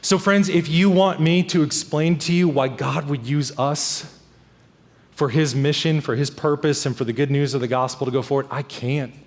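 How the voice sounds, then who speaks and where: A man's voice: fairly high pitch, fairly even intonation, moderate pace, big-room sound. A male pastor preaching a sermon in an earnest, emphatic way, repeating key phrases. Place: church sanctuary.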